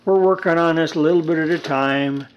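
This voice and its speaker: His pitch sits fairly high and he talks a little fast: a seventy-something amateur radio restorer doing a rambling, folksy, hands-on repair demo with a dry sense of humor. The homemade video has lo-fi sound and unchanging background noise.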